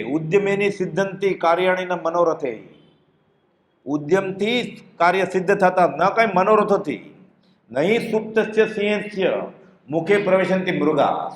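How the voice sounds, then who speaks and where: Fervent male spiritual teacher, echoey room. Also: a little high. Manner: expressive, rhetorical questions, quotes scripture in chant-like tone. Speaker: spiritual discourse speaker. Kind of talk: devotional discourse.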